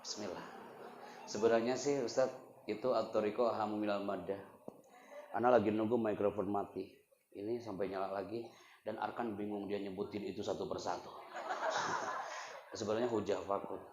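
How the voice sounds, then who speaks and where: A man's voice: steady tone, normal speed, pauses often, roomy sound. Man, religious motivational talk to students, teasing and dramatic, handheld mic, slightly muffled, faint hiss. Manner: teasing, playful, jumps to loud high dramatic storytelling. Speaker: motivational speaker. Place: Islamic boarding school gathering. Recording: slightly dull with faint noise.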